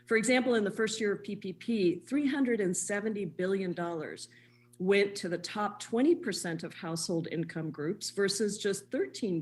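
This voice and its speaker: A woman committee member joining a congressional hearing remotely, giving a brisk, earnest statement and question. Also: fairly low pitch. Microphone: remote video call.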